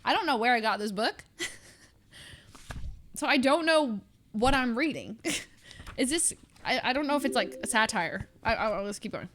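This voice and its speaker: A woman streamer with a somewhat high voice reads a book aloud in a casual, playful accent exercise. She moves between Southern, British and valley girl accents, restarting words and adding off-hand asides as she reads. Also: lively intonation, moderate pace, long pauses, fairly bright tone. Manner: stumbles and restarts while reading. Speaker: live streamer.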